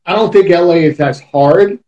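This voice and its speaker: A man's voice: sits high, normal speed, mellow, lo-fi sound. A man in his thirties from Queens with a New York accent, hosting a talk show over a video call in a chatty, joking way. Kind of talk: casual interview chat.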